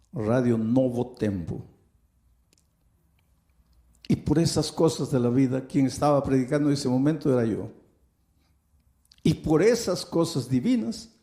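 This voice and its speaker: A man preaches with a dark, mellow voice, in no hurry, drawing out his words. He swells into high emphatic peaks and then drops into slow deliberate phrases, and the sound rings around an echoey hall. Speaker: pastor. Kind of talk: sermon.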